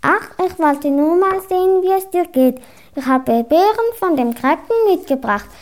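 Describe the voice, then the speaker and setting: A woman voicing a kind, chatty male pirate parrot who croaks his words quickly. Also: sits high, expressive, pitched above the performer's own voice.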